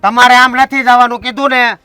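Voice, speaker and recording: A man's voice: very high voice, fairly even intonation, brisk, bright, forceful tone, no echo, soft background music. A man playing a stubborn village enforcer in a short film, bossy and threatening. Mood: stern. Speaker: village strongman blocking the road. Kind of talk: short film drama acting.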